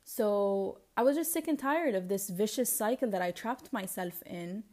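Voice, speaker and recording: A woman's voice: mid-range voice, moderate pace, darkish tone. A woman with a Lebanese accent, partly Americanized, talks as a solo podcast host in a casual, confessional, reflective and rambling way.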